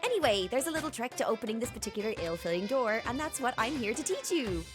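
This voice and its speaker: A woman's voice: a little high, very animated, fast, music in the background. A woman voicing a gleeful, childish robot bear villain from a video game, teasing and exaggerated.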